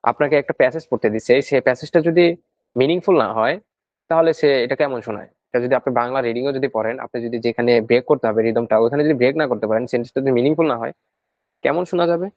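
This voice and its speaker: A man's voice: medium pitch, a little mellow, no room sound. Man, exam tutor, casual lesson, repeats key points, dry close sound, dull lo-fi audio. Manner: explains step by step, repeats points, mixes in English terms.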